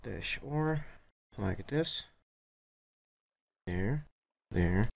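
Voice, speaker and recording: A man's voice: on the low side, lively intonation, extremely slow, creaky. A man giving casual let's play commentary, muttering to himself in short fragments with a grumbly, exasperated edge. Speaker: gaming video host.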